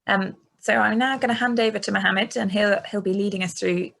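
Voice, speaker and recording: A woman's voice: mid-range voice, steady tone, brisk, vocal fry, fairly bright tone. A woman hosting an informal webinar over a video call, speaking politely. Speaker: session host. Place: video call with screen sharing.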